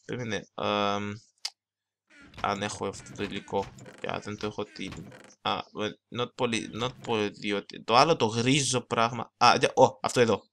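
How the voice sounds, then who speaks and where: A young man giving casual gameplay commentary, talking fast and rambling, switching into English phrases and mocking himself. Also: lowish voice, fairly even intonation, a bit bright, a little hiss or hum. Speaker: gaming channel host. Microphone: desktop mic, no camera.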